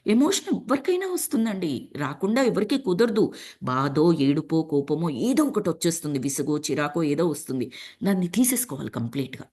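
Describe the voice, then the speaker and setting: A woman's voice: deep voice, very animated, fairly quick, darkish tone, husky. A woman speaking in a casual, conversational way to a meditation group. She retells a film scene and mixes English words into her speech. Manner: addresses listeners as masters.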